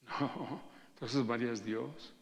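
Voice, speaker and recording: Middle-aged pastor, gravelly voice, preaching like he's chatting, church hall echo all around. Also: mid-range voice, takes it slowly. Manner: conversational preaching with anecdotes, calls for congregation responses. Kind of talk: sermon. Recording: long reverb of a church hall.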